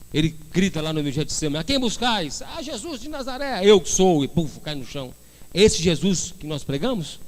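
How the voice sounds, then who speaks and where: A male pastor preaching a sermon, firing rhetorical questions and rising into fervent bursts. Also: fairly high pitch.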